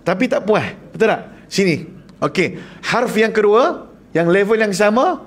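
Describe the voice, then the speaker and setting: Malaysian guy teaching tajwid, fairly high voice, keeps quizzing the class and acting out sounds. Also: animated, unhurried. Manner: asks the class questions and demonstrates sounds. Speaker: Quran recitation teacher. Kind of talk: lively tajwid lesson with jokes. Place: classroom or lecture hall.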